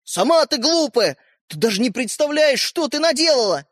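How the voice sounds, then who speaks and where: A woman reader voicing an impatient, hot-headed schoolboy who shouts bluntly at his sister. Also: a little high, sing-song, brisk, breathy edge, no echo, clean studio sound, pitched above the performer's own voice, heavily acted. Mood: angry.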